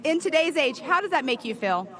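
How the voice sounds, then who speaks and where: A woman's voice: high-pitched, big pitch swings, fairly quick, a bit bright. A woman doing a live sports interview at a racetrack, talking in a gushing, admiring way. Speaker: trackside interviewer. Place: outdoor drag strip. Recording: crowd noise at outdoor racetrack.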